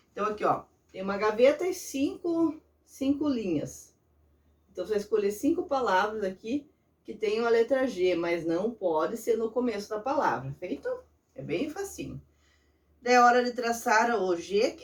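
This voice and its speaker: A woman's voice: medium pitch, far from the mic. A woman primary school teacher with a Brazilian Portuguese accent, patiently guiding children step by step through workbook exercises. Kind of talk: remote lesson walkthrough of a workbook.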